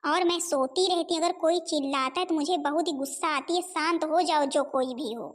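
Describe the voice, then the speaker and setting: A woman's voice: high-pitched, close to an everyday voice. A woman voicing a spoiled, lazy, hot-tempered young wife in a homemade cartoon. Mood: irritated. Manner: defiant, quick to anger.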